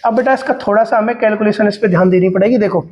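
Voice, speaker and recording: A man with a high voice leads a maths lesson, talking his way through each calculation. He fires questions at his students and answers them himself, calling them "beta" as he goes. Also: very fast, darkish tone, lo-fi sound. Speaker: maths teacher. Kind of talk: explaining step-by-step calculations on a board.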